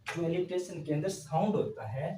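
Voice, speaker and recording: A man's voice: a little high, lively intonation, normal speed, dark tone, recorded from a distance, a little hiss or hum. A male teacher giving a grammar lesson, asking a question and answering it himself again and again on his phrases. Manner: repetitive call-and-response questioning. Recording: echoey room, voice from off-mic.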